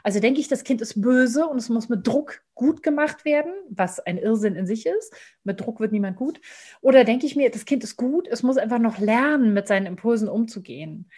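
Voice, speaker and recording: A woman speaking as a parenting expert guest in an interview, talking in a lively way and acting out scenes. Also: on the high side, fairly quick, slightly rough. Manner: lively, acts out scenes and sounds. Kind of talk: conversational interview.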